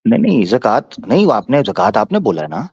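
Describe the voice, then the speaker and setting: A man hosting a debate, teasing and pressing his questioner, then slowing down to explain point by point. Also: mid-range voice, wildly swooping pitch, vocal fry, darkish tone, husky, no echo. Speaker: debate host answering a questioner. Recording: dull dry lo-fi sound.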